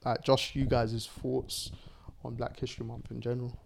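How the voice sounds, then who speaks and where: A man's voice: mid-range voice, flat delivery, normal speed, creaky, a little hiss or hum. A young man with a London accent hosting a casual group chat in a laddish, slangy way. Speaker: podcast host.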